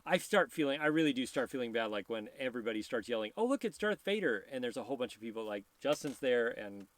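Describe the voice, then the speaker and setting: A man's voice: mid-range voice, fast, a bit bright, no echo. A man hosting a casual live stream, rambling, laughing often and reading viewer questions aloud.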